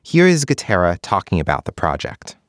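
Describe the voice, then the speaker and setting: A man hosting a podcast, narrating from a script in a smooth, measured audio-guide manner. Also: sits low, huge pitch swings. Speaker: podcast host.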